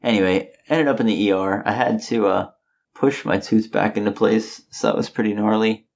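A man's voice: fairly low pitch, steady tone, normal speed, gravelly, muffled recording. A man in his late twenties, chatting casually as podcast co-host, with a slight lisp as he rambles through a story. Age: late 20s. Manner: slight lisp from knocked-out teeth. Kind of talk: casual chat.

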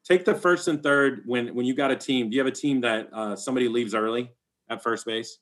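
Man, middle-aged, baseball coach, casual chat, quick and animated, mid-pitched voice. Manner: animated, talks fast, laughs often. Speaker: high school baseball coach.

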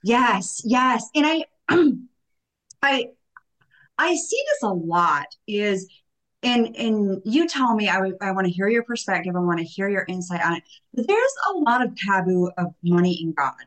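A woman's voice: medium pitch, sing-song, unhurried, fairly bright tone, rough recording. Effusive woman hosting a faith chat. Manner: effusive, emotional reactions. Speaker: host. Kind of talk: podcast interview.

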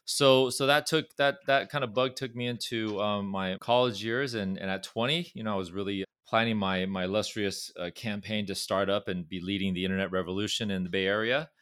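Speaking a little fast with hardly any pauses, this Southern Californian pharmaceutical chairman, a middle-aged guest with a Californian accent, converses in an interview and often repeats words as he thinks. The voice is fairly low and a bit bright with fairly even intonation and a clean tone, recorded in a clean studio with no room sound.

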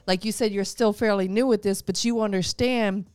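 A woman's voice: medium pitch, steady tone, normal speed, darkish tone, clean tone, dry recording, faint music behind. A woman in her forties hosting a casual interview, upbeat and affirming, often laughing along with her guest. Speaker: host.

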